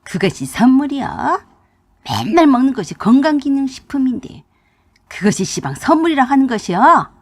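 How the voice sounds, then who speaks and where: A woman's voice: sits high, big pitch swings, moderate pace, voice pushed up. A woman voicing a furious older mother-in-law who scolds in rustic dialect turns, in a radio drama reading.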